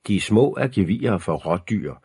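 A man voicing a gruff, teasing middle-aged pig farmer and hunter, in an audiobook reading. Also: fairly low pitch, animated, mellow, dry recording, clean studio sound, full character voice. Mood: explaining. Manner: brusque, teasing.

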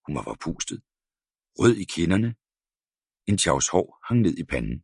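A man narrates an audiobook in a calm, measured way. His voice is very low and gravelly, with lively rises and falls through the story. The recording is dry and close. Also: no echo. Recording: dry close studio sound.

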